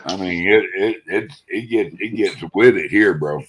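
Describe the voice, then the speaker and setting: A man's voice: deep voice, normal speed, slight background noise. A man in his sixties chatting casually, drawling and swearing easily. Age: 60s. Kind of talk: casual chat.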